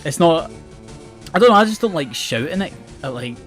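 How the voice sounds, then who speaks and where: A chatty man from the west coast of Scotland hosts a gaming channel, giving casual commentary on the game. He rambles, mocks himself, often restarts words and laughs. His voice is on the high side, expressive, a little fast and fairly bright, with game music playing faintly behind.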